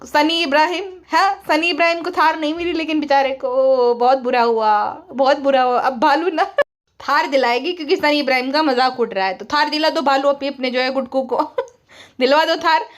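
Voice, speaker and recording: A woman's voice: high voice, a little fast, a bit bright. A woman giving a sarcastic, mocking gossip commentary and mimicking the people she criticizes. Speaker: online commentator.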